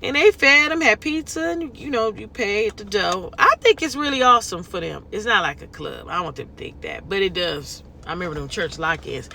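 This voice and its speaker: A woman's voice: medium pitch, lively intonation, a little fast, vocal fry, few pauses, bright, forceful tone, a little hiss or hum. A woman from California with a Californian accent, chatting casually to her viewers in a vlog, folksy and talkative, tossing in lots of y'all and okay. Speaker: lifestyle vlogger.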